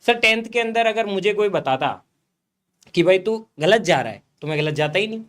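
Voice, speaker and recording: Young man, high voice, earnest motivational talk, addresses viewers directly. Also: lively intonation, normal speed, a bit bright. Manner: earnest, addresses viewers as guys and host as sir. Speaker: guest influencer. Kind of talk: motivational chat.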